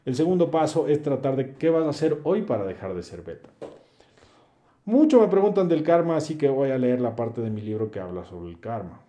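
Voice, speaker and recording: A man's voice: medium pitch, animated, fairly quick, warm tone. A young man hosts a live stream. He reads viewers' questions aloud and answers them in a blunt, preachy, slangy way. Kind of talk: live Q&A, reading chat comments aloud.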